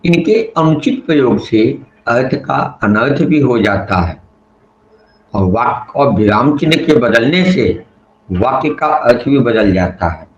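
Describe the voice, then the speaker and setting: A man gives a grammar lesson in a measured, explanatory voice and mixes English words into his speech. The recording is dull and lo-fi in a roomy space, with a faint hiss underneath. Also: medium pitch, lively intonation. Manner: measured and explanatory, slows down and stresses example sentences. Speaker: Hindi grammar teacher. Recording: echoey room, dull lo-fi sound with faint noise.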